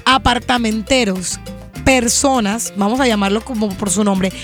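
A woman from Colombia, co-hosting a radio morning show in a lively conversational way. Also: a little high, unhurried, soft background music. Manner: lively, conversational, gossipy asides. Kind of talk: chatty radio banter.

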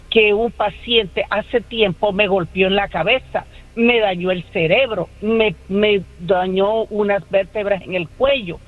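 Colombian coastal woman caller, 60s, hesitant and rambling, thin phone-line sound. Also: medium pitch. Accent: Colombian Caribbean coast. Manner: rambling, hesitant, repeats words. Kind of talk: phone-in call.

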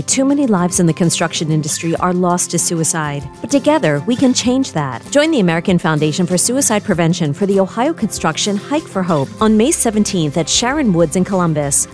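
A woman's voice: on the low side, darkish tone. Earnest woman reading a PSA. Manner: earnest, measured. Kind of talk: public service announcement.

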